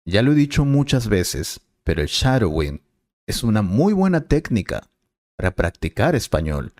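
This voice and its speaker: Patient man teaching with a lively voice. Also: lowish voice, normal speed, no echo, clean studio sound. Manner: clear, patient explaining. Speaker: Spanish teacher. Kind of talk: scripted lesson dialogue.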